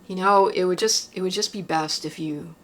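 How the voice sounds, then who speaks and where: A woman's voice: lowish voice, normal speed. A woman vlogger recounting a personal experience in a casual confessional monologue, rambling with lots of fillers and tag questions.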